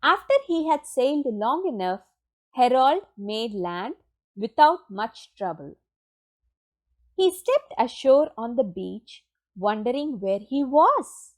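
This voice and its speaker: A woman with a fairly high voice reads a children's picture book aloud, expressive and deliberate, using dramatic pauses to tell the story.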